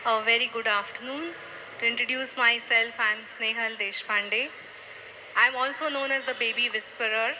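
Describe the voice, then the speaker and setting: A woman on a panel introducing her work with babies and telling a story in a measured way. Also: a little high, fairly even intonation, bright, forceful tone. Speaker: panelist, infant specialist. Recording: noisy live event recording.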